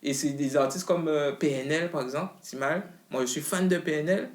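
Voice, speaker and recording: A man's voice: on the high side, fairly quick. Rambling man in a roomy room. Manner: loose, rambling, slangy, many restarts. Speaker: rapper, interview guest. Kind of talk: casual interview chat. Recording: roomy echo.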